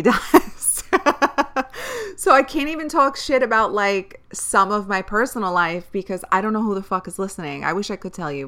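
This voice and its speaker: A woman hosts a solo podcast in a bright, forward voice at a middling pitch. She talks casually and candidly, rambling from aside to aside as if to familiar listeners, and swears freely. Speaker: podcast host.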